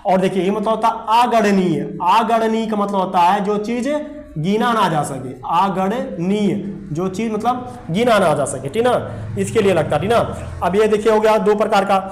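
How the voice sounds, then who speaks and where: A man's voice: sits high, moderate pace. A male teacher gives a whiteboard grammar lesson, spelling words letter by letter and checking in with the class over and over. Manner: spells words letter by letter, repeats "देखिए" and "ठीक ना". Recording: echoey room with faint background noise.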